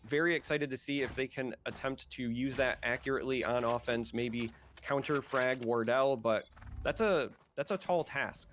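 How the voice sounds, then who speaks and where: A man's voice: mid-range voice, normal speed, a bit bright, a little hiss or hum. A man with an American Midwest accent giving play-by-play commentary as an esports caster, lifting his voice on big plays.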